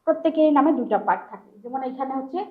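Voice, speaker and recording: A woman's voice: high-pitched, animated, fast, phone-quality sound. A woman teaching a recorded language lesson, explaining step by step and sounding out syllables one at a time, with frequent fillers.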